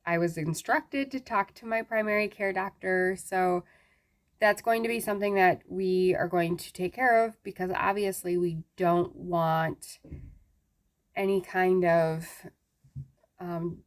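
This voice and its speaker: A woman with a slightly low voice speaks very slowly in a casual vlog update. She sounds weakened after surgery, stopping often and searching for words as she struggles to put sentences together. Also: steady tone. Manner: halting, searching for words, with long pauses. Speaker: vlogger giving a health update. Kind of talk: casual talk to viewers.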